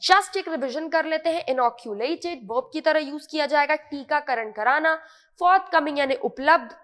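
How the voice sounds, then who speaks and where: Speaking at a moderate pace in a high, somewhat bright voice, an Indian woman gives an online English vocabulary lesson. She patiently explains, says every word twice, and keeps making sure it's understood, with a long reverb trailing behind her.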